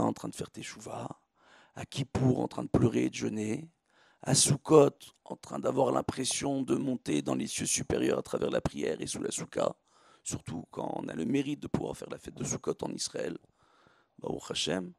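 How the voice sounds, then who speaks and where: A man's voice: mid-range voice, lively intonation, normal speed, gravelly, husky, dry recording, clean studio sound. A man giving a religious lecture as a rabbi, teaching emphatically with repetition and rhetorical questions. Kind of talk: religious sermon with everyday analogies.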